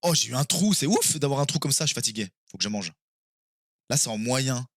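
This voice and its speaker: A man streaming live and playing a quiz game with his viewers, excitable and quick to exclaim and swear when he is stuck. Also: medium pitch, no room sound, studio quality.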